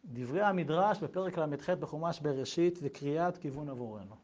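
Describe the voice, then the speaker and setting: A man preaching a sermon, telling a story in a lively way with colloquial asides. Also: fairly high pitch, lo-fi sound, slight background noise.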